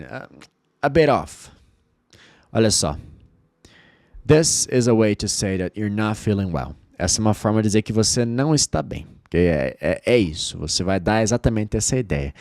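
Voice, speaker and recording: A Brazilian man giving an English lesson in Portuguese, repeating phrases slowly for viewers to say aloud. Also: fairly low pitch, a little mellow, no echo, clean studio sound. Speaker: English teacher.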